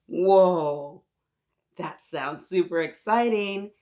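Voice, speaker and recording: Reading aloud to young children during an interactive storytime, a woman speaks in an animated, encouraging way and addresses her small listeners directly. Her voice sits on the low side, and her pace is very slow.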